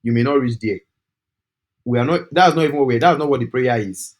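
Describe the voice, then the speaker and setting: A young Nigerian man with a Nigerian accent, giving an animated, persuasive talk on a group call and slipping into pidgin. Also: mid-range voice, a little fast. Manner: animated, switching into pidgin, preachy. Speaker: study-abroad agent.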